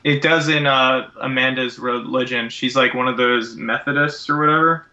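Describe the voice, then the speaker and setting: A man's voice: mid-range voice, steady tone, normal speed, bright, forceful tone. A man chatting casually as a podcast co-host over an internet call. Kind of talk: casual chat. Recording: dull, lo-fi internet call audio.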